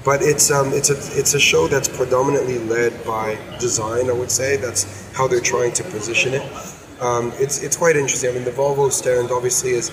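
An American man whose voice is hoarse and nearly lost, chatting casually as co-host of a car podcast. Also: mid-range voice, flat delivery, brisk, a crowd in the background. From United States. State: hoarse, losing his voice. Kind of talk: casual car show discussion. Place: indoors at an auto show stand. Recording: clearly noisy auto show floor.

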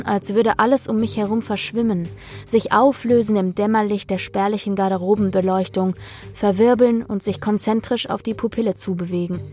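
A woman reading a first-person horror story in a measured, brooding narrating voice. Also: mid-range voice, darkish tone.

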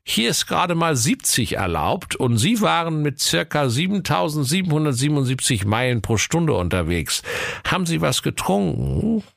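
A man's voice: fairly high pitch, sing-song, moderate pace, creaky, a bit bright, no echo, studio quality, pitched above the performer's own voice, full character voice. A man voicing a pompous male police inspector in an audio storybook, speaking in a stern, officious tone.

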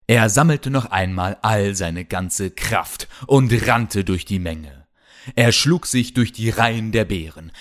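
A man narrating a children's adventure audiobook in a dramatic storytelling manner. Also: on the low side.

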